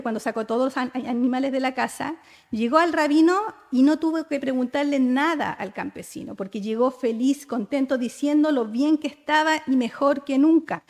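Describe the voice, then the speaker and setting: A woman's voice: high-pitched, darkish tone, big-room sound. A woman pastor with a Chilean accent preaching a sermon, often checking in with "¿cierto?" while telling a story. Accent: Chilean Spanish. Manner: frequent rhetorical "¿cierto?" tags, storytelling. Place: church hall.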